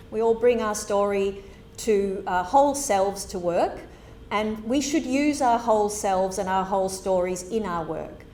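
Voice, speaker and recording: A woman's voice: mid-range voice, darkish tone. Woman from Zimbabwe, middle-aged, guest lecturer, candid conversational delivery, roomy hall with a faint hum. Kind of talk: public lecture.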